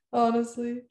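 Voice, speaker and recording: A young woman whose first language is Spanish chats casually, laughing often and filling her speech with "like." Her voice is slightly high and warm, and it sounds roomy.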